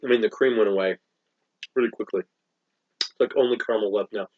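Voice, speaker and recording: A man's voice: lowish voice, fairly even intonation, fairly quick, phone-quality sound, a little hiss or hum. A man casually chatting as co-host of a candy review, describing flavors in detail while chewing. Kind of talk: casual chat.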